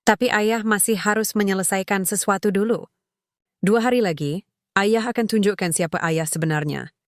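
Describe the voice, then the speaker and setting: A woman doing a gentle, remorseful father. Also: mid-range voice, normal speed, no echo, studio quality, natural voice. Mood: promising. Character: humble, remorseful middle-aged father. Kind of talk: storybook dialogue.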